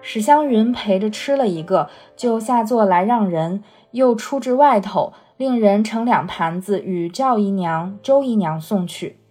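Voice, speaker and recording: Woman reader, husky breathy voice, steady novel narration, faint music underneath. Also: mid-range voice, a little slow, hardly any pauses. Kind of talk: reading a classic novel aloud.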